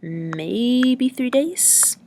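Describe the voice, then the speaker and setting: A woman's voice: medium pitch, lively intonation, slow pace, a little hiss or hum. A woman reading the lines of a young woman traveler who answers briefly and hesitantly.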